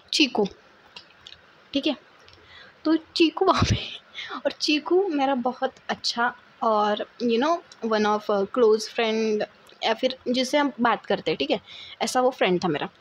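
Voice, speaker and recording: Young woman in her 20s, slightly high voice, chatty and dramatic storytime. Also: a little hiss or hum. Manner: animated, dramatic, acts out others' lines. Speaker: vlogger. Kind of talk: casual storytime.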